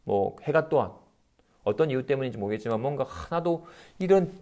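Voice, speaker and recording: A middle-aged man, a Buddhist monk, giving a conversational dharma lecture on a sutra. He often checks in with his listeners and acts out the voices he quotes. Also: brisk. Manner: animated, acts out quoted voices with pitch jumps; conversational, often adds tag questions.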